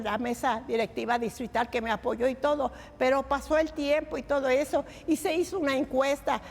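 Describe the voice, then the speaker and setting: A woman's voice: high-pitched, in a large hall, a little hiss or hum, rough recording. An older woman preaching in church, telling her own testimony in an earnest, heartfelt way and addressing the congregation as brothers and sisters. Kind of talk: sermon testimony.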